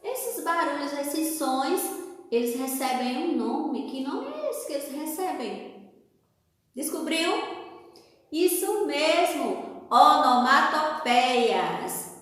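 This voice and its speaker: Her high-pitched, sing-song voice has a fairly bright tone as this Brazilian Portuguese-accented primary teacher goes over a worksheet remotely. She asks questions patiently, waits for replies, and illustrates with whispers and sound effects, all in a heavily reverberant room.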